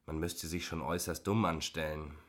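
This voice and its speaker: A man's voice: a bass voice, fairly even intonation, normal speed, fairly bright tone. A male audiobook reader voicing a young female assistant who sounds cool and worn out. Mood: weary. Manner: cool and weary. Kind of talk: audiobook dialogue.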